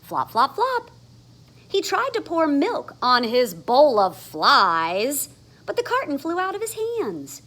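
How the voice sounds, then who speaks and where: In an animated children's read-aloud, a woman's high, slightly bright voice swings hugely in pitch as she goes slowly. The sound words get dramatic emphasis.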